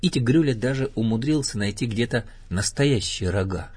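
Brief: male narrator for a children's story, breathy-edged, animated delivery. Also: medium pitch, normal speed. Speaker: storybook reader. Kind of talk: scripted narration.

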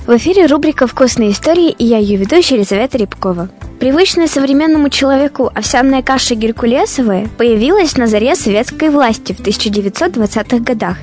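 A woman's voice: on the high side, expressive, fast, hardly any pauses, darkish tone, faint music behind. A woman hosting a radio segment, reading scripted narration about food history.

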